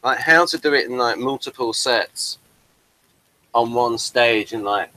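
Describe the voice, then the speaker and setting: Medium-pitched, bright and forceful at a measured pace, this playwright shows his work during a casual video-call chat. He rambles about his stage play with many fillers and restarts, in a low-quality recording.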